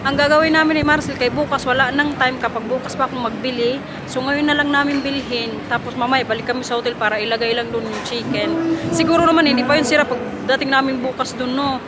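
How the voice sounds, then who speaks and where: A woman's voice: high-pitched, steady tone, fast talker. A young Filipina woman with a Filipino accent, chatting casually and giggling in a travel vlog, mixing in English. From Philippines. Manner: chatty, giggly, mixes English into her talk. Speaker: vlogger. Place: busy city streets and shops. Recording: noisy street phone recording. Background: crowd and traffic noise.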